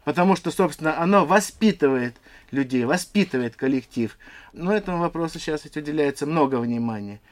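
A man in his fifties, an institute director, answering interview questions in an earnest, explanatory, slightly halting way. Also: fairly high pitch, animated. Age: 50s.

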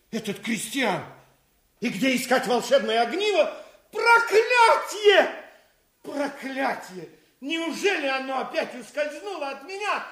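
A scheming villain of a fairy-tale drama, foiled and ranting. The voice is high and swings dramatically, dragging out its cries slowly. It rings in a roomy, echoing space. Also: male voice, fairly bright tone, exaggerated voice. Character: scheming male villain, foiled and cursing, hungry for magic treasure.

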